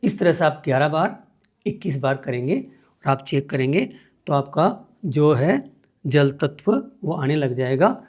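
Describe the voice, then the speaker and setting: A man's voice: on the high side, expressive, measured pace, a little mellow. Man patiently guiding a meditation. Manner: patient, repetitive step-by-step instruction. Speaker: meditation teacher guest.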